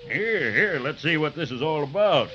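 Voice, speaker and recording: A man's voice: fairly high pitch, expressive, normal speed, a crowd in the background, lightly acted. A man playing a genial, patient old Santa with a hesitant, kindly manner in 1930s radio style. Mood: curious. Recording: muffled lo-fi 1930s radio recording.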